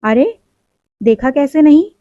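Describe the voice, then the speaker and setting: Domineering old matriarch, high voice, dull lo-fi sound; woman narrator voices her. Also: lively intonation, slow pace, dry recording. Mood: scolding. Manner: scolding, commanding. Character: stern traditional older mother-in-law. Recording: dull lo-fi recording.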